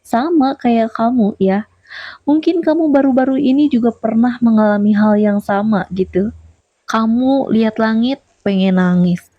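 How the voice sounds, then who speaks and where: A woman's voice: on the high side, a little slow, dry recording, dull audio. A woman giving a motivational talk straight to her viewers, often repeating her points and asking them questions. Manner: repeats key points, asks the listener questions. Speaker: motivational YouTuber. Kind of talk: direct-to-camera motivational talk.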